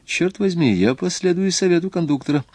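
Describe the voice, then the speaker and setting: A man's voice: fairly high pitch, animated, a little fast, a little mellow, dry recording, voice pushed up. A man reading an audiobook, voicing an urgent, businesslike architect traveling by coach. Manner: urgent, decisive. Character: hurried, practical architect, middle-aged man.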